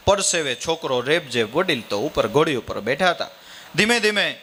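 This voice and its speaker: A man's voice: a little high, pushed and bright. A man preaching in a Kathiawadi accent, telling a folksy story during a devotional gathering. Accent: Kathiawadi Gujarati. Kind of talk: sermon with storytelling.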